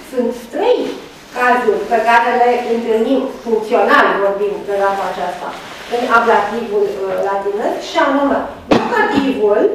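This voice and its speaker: A woman giving a university lecture, pausing often with fillers and checking in with her students. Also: mid-range voice. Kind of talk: classroom lecture. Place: lecture room. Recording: very echoey room, mic far off, faint background noise.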